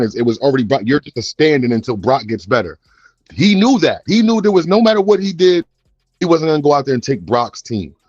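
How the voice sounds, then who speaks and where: A man's voice: mid-range voice, dry recording, dull audio. A man on a sports panel, arguing his points emphatically and insistently. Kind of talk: casual sports chat.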